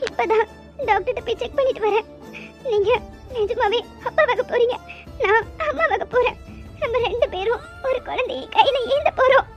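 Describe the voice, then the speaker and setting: A woman voicing an emotional young wife in a cartoon story, high and childlike, breaking into sobs. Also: moderate pace. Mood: tearful joy. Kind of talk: cartoon voice acting. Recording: dull lo-fi audio with faint music.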